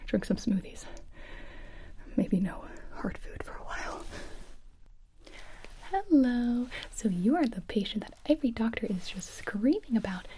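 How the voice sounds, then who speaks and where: A woman's voice: a little high, slight background noise. A young woman whispering close to the mic, playing a series of doctors in a comedic ASMR roleplay, now and then breaking into full voice. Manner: soft close whispering with sudden voiced outbursts.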